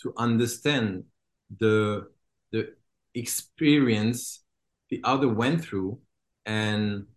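Hesitant man from Congo. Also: on the low side. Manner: hesitant, many fillers and restarts. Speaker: filmmaker. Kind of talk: interview.

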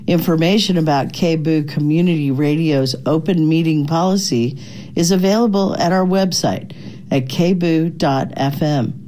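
A woman announcer reading a scripted station notice in an even, formal manner. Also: low voice, moderate pace.

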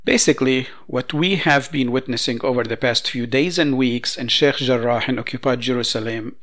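A man presents news commentary, reading statements in a measured, emphatic way. His voice sits at an ordinary middle pitch. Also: a bit bright.

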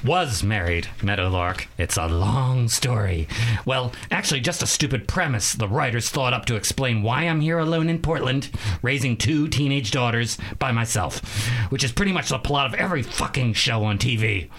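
A man playing a bumbling radio advice show host, deadpan and exasperated. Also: medium pitch, normal speed, a little hiss or hum.

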